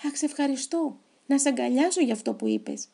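A woman's voice: high-pitched, sing-song, warm tone, pitched above the performer's own voice. A woman voicing a lonely male crocodile in a storybook reading, pleading and eager. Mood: overjoyed. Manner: pleading, then gushing.

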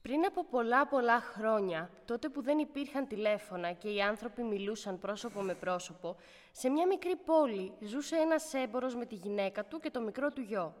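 A woman's voice: a little high, expressive, big-room sound. A woman narrating a folk tale, speaking directly to the listeners. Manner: warm, addressing the listeners directly. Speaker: storyteller.

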